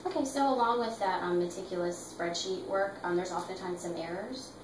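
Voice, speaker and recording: Female sales rep, lowish voice, making a practice sales pitch in a noisy, roomy space. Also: brisk. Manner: sales pitch, explaining and persuading. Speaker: sales representative in a practice role play. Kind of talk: semi-rehearsed sales pitch with a client. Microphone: distant microphone. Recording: roomy echo, distant mic, clear background noise.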